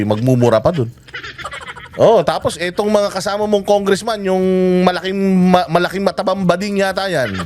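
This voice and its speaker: A man's voice: sits high, a little mellow, a little hiss or hum. A man with a Filipino accent ranting in mocking, angry commentary and swearing often as a vlogger reacts to news clips. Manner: angry, mocking, swears a lot, switches between Tagalog and English. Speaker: political vlogger.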